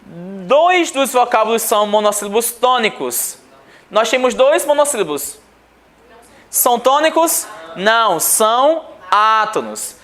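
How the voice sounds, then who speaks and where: A man from Brazil teaching a Portuguese exam review class. He asks the class questions and answers them himself, and reads passages slowly. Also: very high voice, sing-song, a bit bright.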